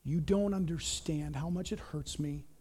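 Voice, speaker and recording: Male pastor, sermon, high voice, animated storytelling, repeats words. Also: unhurried, slightly rough.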